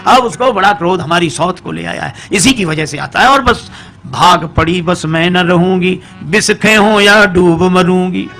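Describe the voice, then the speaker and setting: High bright-voiced male preacher singing a story. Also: faint music behind. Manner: alternates slow sung verses with lively storytelling, voicing characters briefly. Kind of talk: sung and spoken Hindi story sermon.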